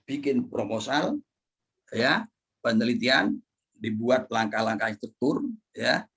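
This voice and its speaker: Male lecturer, husky voice, lively swooping pitch, explaining to a class. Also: takes it slowly. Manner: animated, with frequent tag questions.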